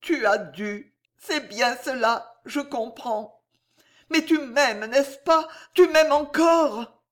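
Reading an audiobook slowly, a woman pushes her voice up to a high pitch to play a passionate young noblewoman. The performance is heightened and tremulous, carrying a mood of pleading passion.

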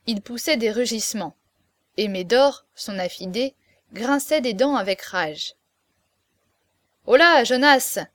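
A woman reading a classic novel aloud as narrator, with lively, expressive storytelling. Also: on the high side, unhurried, no echo.

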